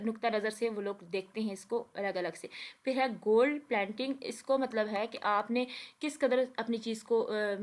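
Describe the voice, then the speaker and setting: A woman giving a recorded lecture over a shared page. She explains step by step, often checking with "theek hai", and reads English lines slowly word by word. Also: medium pitch. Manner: explains with repeated "theek hai" and Urdu-leaning words.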